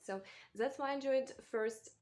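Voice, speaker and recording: A woman from Ukraine with a Ukrainian accent, a native Ukrainian speaker, talking casually to camera as a booktuber in a thoughtful, halting way. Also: high-pitched, faint music behind. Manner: thoughtful, halting, with small restarts and soft laughs. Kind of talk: casual vlog talk to camera.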